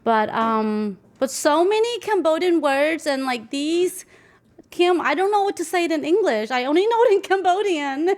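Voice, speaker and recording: A Nashville woman in her 40s, interviewed as a home cook, tells stories casually and reflectively while cooking. Her voice is high-pitched with lively intonation at a normal speed, captured in a clicky, noisy kitchen field recording.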